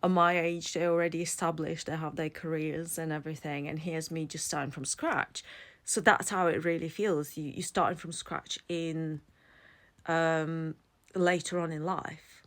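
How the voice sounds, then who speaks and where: A woman in her forties with a deep, low-set voice. She talks to camera in a personal explainer, earnest and reflective, thinking aloud as she goes. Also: fairly even intonation, normal speed. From Latvia. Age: 40s. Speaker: vlogger and psychology student.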